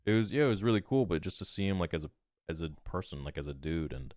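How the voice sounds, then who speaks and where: Low-voiced man telling a rambling story. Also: quick pace, dry recording, studio quality. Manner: animated, rambling retelling full of "I'm like". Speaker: podcast guest. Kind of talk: casual storytelling.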